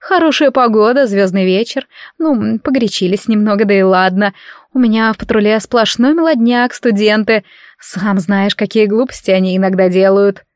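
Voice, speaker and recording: A woman's voice: medium pitch, normal speed, dry recording, studio quality, natural voice. A woman reader voicing a scheming adult head witch who talks in a venomous, honeyed way. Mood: sugary.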